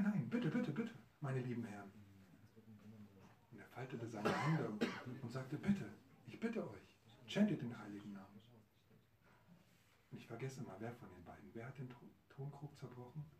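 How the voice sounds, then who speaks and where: A man telling a devotional story to a live audience, lively and asking his listeners questions. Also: medium pitch. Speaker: storyteller, preacher. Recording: roomy hall, mic far, audience.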